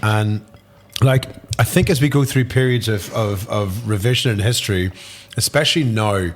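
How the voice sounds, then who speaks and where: Man, Northern Irish accent, podcast guest, casual chat, lively storytelling, swears a lot, laughs easily. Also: lowish voice, normal speed. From Northern Ireland. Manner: animated storyteller, swears freely, laughs often.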